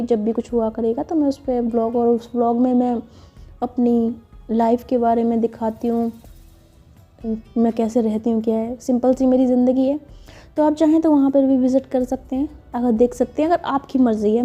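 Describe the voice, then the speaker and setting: High-voiced chatty woman storyteller. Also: mellow, highs cut off. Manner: chatty, conversational, with fillers. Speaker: storyteller of a serial audio story. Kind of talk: casual scripted story narration.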